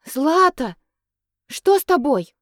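A woman voicing an anxious young woman who pleads in a high voice near tears, read in a dry, close storybook style. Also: very animated, unhurried, no echo. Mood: worried.

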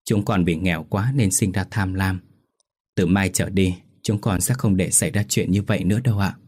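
A man's voice: low voice, moderate pace, darkish tone, breathy edge. A man voicing a poor, anxious village father who talks eagerly and pleads. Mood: pleading.

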